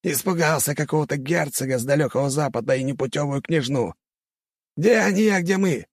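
A man voicing an arrogant, hot-tempered fire-mage count who hisses and shouts with contempt in an audiobook. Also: fairly high pitch, expressive, a little fast, dry recording, clean studio sound, pitched above the performer's own voice. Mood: scornful.

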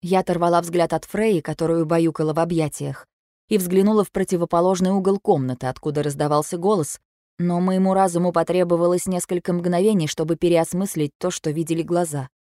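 A woman reading a first-person audiobook in a soft, subdued way. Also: on the low side, fairly even intonation, a little fast, no room sound, studio quality. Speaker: audiobook reader.

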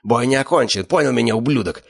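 A man voicing a fat, enraged dog-fight owner who yells insults. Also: mid-range voice, brisk, pitched above the performer's own voice, close to an everyday voice. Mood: furious. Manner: yelling, spitting insults.

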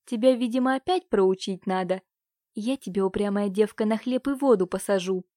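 A woman's voice: medium pitch, normal speed, warm tone, dry recording, studio quality, natural voice. A woman reading a harsh, threatening uncle. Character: cruel domineering middle-aged uncle, man.

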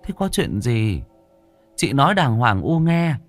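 A man voicing an old mother who speaks calmly and reassuringly. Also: mid-range voice, measured pace, no room sound, soft background music. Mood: calming. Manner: calm, reassuring.

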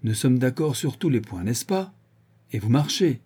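A man's voice: mid-range voice, lively intonation, normal speed, breathy edge. A man voicing a brutal, drunken, grandiose male villain who rants and hurls insults, in an audiobook reading. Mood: scornful. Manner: ranting, exalted, shouting insults.

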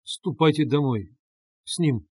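Brief: male narrator as a worn-out young man, irritable and halting, in a dry booth. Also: a little high, a little mellow, husky, no room sound. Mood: weary. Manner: halting, strained outbursts. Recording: dry close studio sound.

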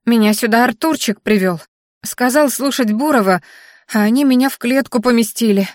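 A woman's voice: fairly high pitch, moderate pace, a little mellow, no echo, clean studio sound, pitched above the performer's own voice, natural voice. A woman voicing a frightened, tearful young girl who stammers and pleads. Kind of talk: audiobook character voice.

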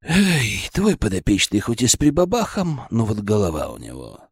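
A man doing a gruff, mocking surgery chief. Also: on the low side, wildly swooping pitch, normal speed, no room sound, clean studio sound, pitched below the performer's own voice, exaggerated voice. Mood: gruff teasing. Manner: teasing, blunt, bossy.

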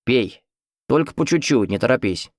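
A man's voice: mid-range voice, expressive, normal speed, dry recording, studio quality, voice pushed up, close to an everyday voice. A man voicing a talkative, grumbling old man in a hospital ward, folksy and fussy. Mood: chatty. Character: chatty old male hospital patient, grumbling.

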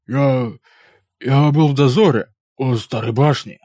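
A man's voice: medium pitch, animated, normal speed, darkish tone, dry recording, studio quality, close to an everyday voice. A man voicing a frightened captured orc warrior who stammers and trembles as he speaks. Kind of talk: audiobook character voice.

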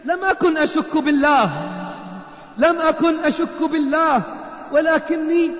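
A man's voice: very high voice, steady tone, moderate pace, voice pushed up. A man preaching voices a sick, remorseful woman patient who pleads and repeats herself. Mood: pleading. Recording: reverberant hall.

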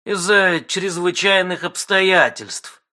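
A man voicing a calm, slow, official recorded information voice. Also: sits high, pitched above the performer's own voice, full character voice. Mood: detached.

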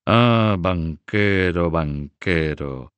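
A man's voice: lowish voice, very animated, moderate pace, no room sound. A man voicing a huge, brash nobleman who speaks bluntly and commandingly. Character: giant boisterous nobleman, count, brash.

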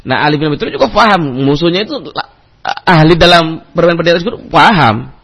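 A high-voiced male preacher lectures in a husky tone. He tells his story with animated energy, acting out the people in it and slipping in Arabic terms, his pitch rising and falling a great deal. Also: brisk. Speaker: Islamic preacher.

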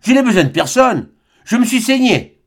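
A man voicing a scornful old atheist of about eighty who talks roughly and mockingly. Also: very high voice, very animated, moderate pace, voice pushed up, full character voice. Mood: gruff.

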